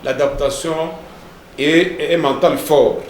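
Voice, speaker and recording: Male pastor, didactic TV teacher, slightly high voice, echoey room. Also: takes it slowly, a little hiss or hum. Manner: didactic, repeats words and tags lines with "hein" and "n'est-ce pas".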